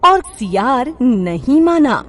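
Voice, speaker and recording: Female narrator for a kids' moral tale, slow and expressive, slightly higher voice. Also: loud music behind the voice. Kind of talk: scripted story narration.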